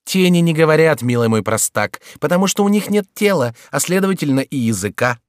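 A man's voice: fairly high pitch, lively intonation, a little fast, no echo, clean studio sound, voice pushed up, lightly acted. A man voicing a sardonic male court jester who teases and scolds a king in an audiobook. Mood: mocking.

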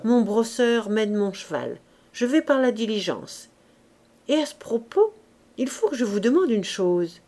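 A woman voicing a breezy young army lieutenant in an audiobook reading, answering in brisk, jaunty lines. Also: a little high, very animated, dark tone.

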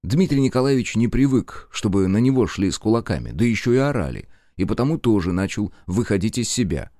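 A man narrating a story in scripted audiobook style, expressive and close to the mic. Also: on the low side, a little fast, dry recording.

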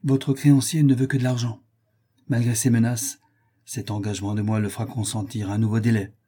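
A man's voice: medium pitch, flat delivery, a little fast, mellow, slightly rough, close to an everyday voice. A man reading the part of a stern old count who speaks curtly and coldly.

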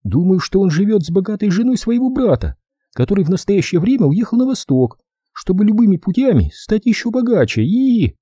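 A man reading an audiobook voices a sharp-tongued, impatient young brunette woman who scolds and chatters. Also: high voice, very animated, fairly quick, husky, dry recording, studio quality, voice pushed up, full character voice.

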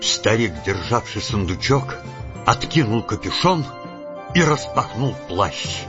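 A man narrating an audiobook in a steady storytelling manner. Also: on the low side, slow pace, dull audio, over music. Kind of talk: scripted narration.

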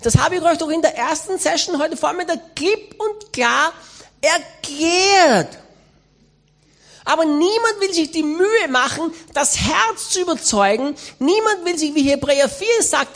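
High, lively-voiced woman preaching. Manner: emphatic, exhorting. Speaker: voice-over of a preacher's sermon. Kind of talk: sermon.

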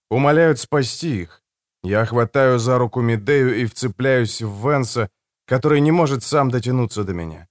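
A man's voice: medium pitch, no room sound, clean studio sound. A male narrator reading a first-person action audiobook with tense, dramatic storytelling.

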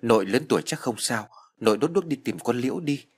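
A man's voice: medium pitch, animated, brisk, slightly rough. A man voicing a scared village girl, pleading tearfully.

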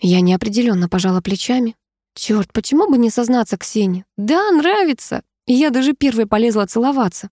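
A woman reading a first-person novel aloud with lively, expressive storytelling. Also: a little high, quick pace, no room sound, clean studio sound. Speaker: audiobook narrator.

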